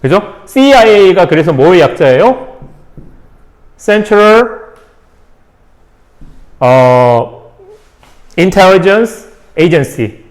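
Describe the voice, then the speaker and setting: A man's voice: high-pitched, big pitch swings, very slow, long pauses. A man teaching English vocabulary in Korean, spelling words out letter by letter and asking rhetorical questions with playful asides. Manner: playful asides and little jokes. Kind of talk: classroom-style vocabulary lesson.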